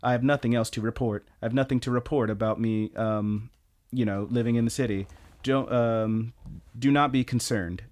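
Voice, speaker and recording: A man's voice: mid-range voice, normal speed. Rambling man recapping anime episodes. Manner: rambling and animated, jumps into excited voices for quoted lines. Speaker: podcast co-host.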